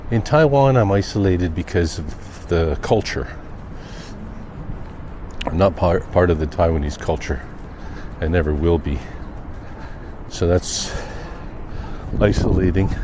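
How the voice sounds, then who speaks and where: Strolling along quiet sidewalks, a low-pitched Canadian daily vlogger muses in an unhurried, wry way for his reflective walking monologue. His handheld camera has a wind muff, yet the outdoor audio still picks up wind, passing cars, and street noise.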